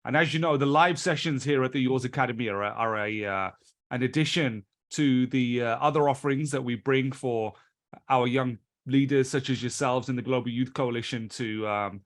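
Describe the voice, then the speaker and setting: A British man with a medium-pitched voice hosts and teaches a live online training session over a video call. He speaks in a chatty, loose way, often restarting his phrases.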